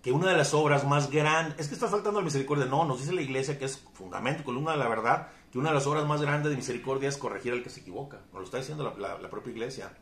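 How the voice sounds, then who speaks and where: Fervent preacher in an echoey room. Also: male voice, mid-range voice, rapid-fire, hardly any pauses. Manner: fervent, emphatic preaching with dramatic swings in loudness. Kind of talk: sermon.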